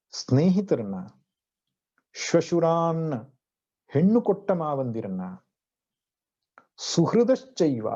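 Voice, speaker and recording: A man's voice: a little high, dark tone. A man giving a devotional scripture discourse as a spiritual teacher. He chants Sanskrit verses and then explains them. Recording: dull lo-fi recording.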